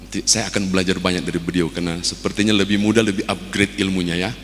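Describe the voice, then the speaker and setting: A man's voice: low-pitched, level tone, fast talker, a bit bright, long reverb tail, a little hiss or hum. A man with a Manado accent, a pastor preaching a sermon and telling stories to his congregation. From Manado, Indonesia. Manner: storytelling preacher acting out a joke.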